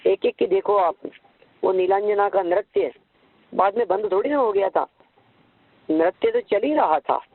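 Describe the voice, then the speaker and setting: A man giving a devotional discourse, slowly chanting verses and then explaining them in a conversational way, asking listeners rhetorical questions. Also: high voice, no echo, narrow, tinny audio. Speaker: religious lecturer.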